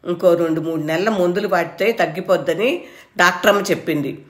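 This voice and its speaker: A woman's voice: fairly low pitch, fairly quick, reverberant, natural voice. A woman voicing a fierce, protective older village mother-in-law who talks bluntly and scolds, in a storybook reading.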